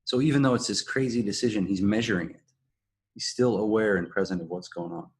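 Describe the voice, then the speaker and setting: A man co-hosting a podcast, explaining and analysing in a measured, casual conversational way. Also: on the low side. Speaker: podcast co-host. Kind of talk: casual analytical discussion of a TV drama.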